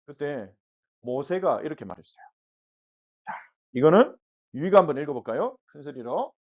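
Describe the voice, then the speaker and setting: A woman teaching a Bible lesson to children, telling the story with lively questions to the kids. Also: sits low, normal speed. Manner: animated storytelling, asks the kids questions and acts out quotes. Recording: muffled lo-fi recording.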